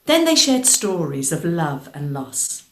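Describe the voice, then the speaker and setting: A woman charity worker presents in calm, measured scripted narration, putting questions to the listener. Her voice sits low but moves lively in pitch. The sound is roomy and echoey. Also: slight background noise.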